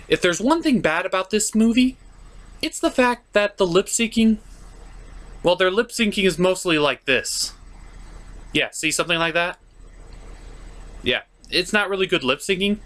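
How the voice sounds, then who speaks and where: This cartoon reviewer speaks in a high-pitched, fairly bright voice. Hosting a comedic review show, he retells the plot in a mock-dramatic, sarcastic, and profane way.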